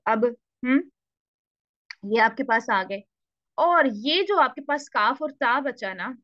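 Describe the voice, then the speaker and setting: A woman teaching a recitation lesson with a Pakistani Urdu accent, patiently repeating and slowly demonstrating letter sounds. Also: high voice, no room sound, highs cut off. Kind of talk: online lesson explaining tajweed.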